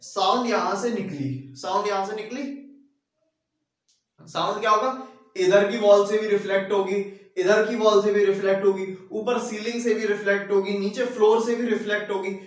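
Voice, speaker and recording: A male teacher giving a classroom lecture with a Hindi accent, repeating phrases and checking in with his class, slowing down to dictate notes. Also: sits high, fairly even intonation, dull audio. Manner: repeats phrases, keeps asking "ठीक है"; slows down while dictating notes. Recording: very echoey room, mic far off.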